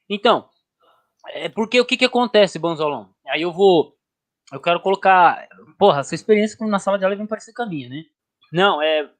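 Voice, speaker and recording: A man hosting a casual chat, telling jokey stories in a slangy, lively way. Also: sits high. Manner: joking storyteller, lively slangy delivery. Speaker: host.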